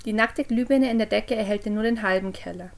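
A woman narrating a creepy first-person story for a podcast, dropping low and quiet on the eerie moments. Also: a little fast, gravelly, slight background noise. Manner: drops low and quiet on eerie lines, raises voice for called-out quotes. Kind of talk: scripted horror story narration.

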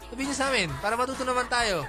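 A man's voice: very high-pitched, very fast. A man co-hosting a radio show, chatty and playful in casual banter. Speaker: radio co-host. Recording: radio show with music behind.

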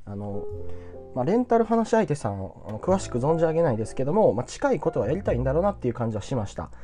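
An entrepreneur gives career advice in a casual solo talk to viewers, speaking quickly, bluntly, and with self-assurance. His dark, mellow voice swings up and down in a sing-song way, full of tag particles, over faint guitar music.

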